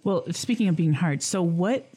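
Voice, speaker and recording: Woman host, warm mellow voice, easygoing questions, chatty and personal. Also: fairly low pitch, normal speed, breathy edge. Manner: relaxed, personal, asks questions from her own experience. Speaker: interviewer, host. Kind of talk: conversational interview.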